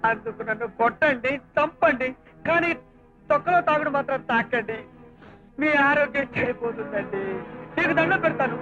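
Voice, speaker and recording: Brief: a meek husband, melodramatic and begging, voice pitched very high, over a loud film score. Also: male voice. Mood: pleading. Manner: melodramatic wailing, pleading. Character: meek, clinging husband who wails and begs his wife. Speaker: wailing husband in a film comedy. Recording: dull film soundtrack with loud music.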